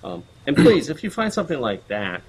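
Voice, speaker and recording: A man's voice: medium pitch, wildly swooping pitch, a little fast, a loud crowd, low-quality recording. A man chairing a board meeting, running through agenda items in a procedural way with frequent ums.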